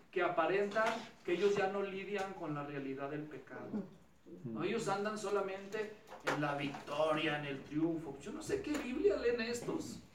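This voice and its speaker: A man's voice: sits high, noisy background. A man preaching a sermon in a conversational, self-deprecating way, often checking in with his listeners. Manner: conversational, self-deprecating, asks the audience questions. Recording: echoey hall, distant mic, faint ambience.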